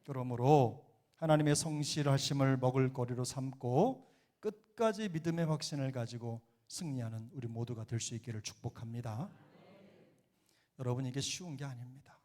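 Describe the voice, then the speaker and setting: A middle-aged senior pastor with a slight Jeolla dialect preaches a sermon in a church sanctuary. His medium-pitched, dark voice moves at normal speed with long pauses, earnest and building to emphatic exhortation.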